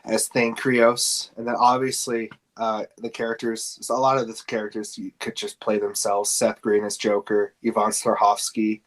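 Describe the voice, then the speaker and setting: In a completely flat, lowish voice, a male podcast co-host talks at a moderate pace with few pauses. The casual chat about games and film casting is informal and slightly hesitant, centered on pop culture.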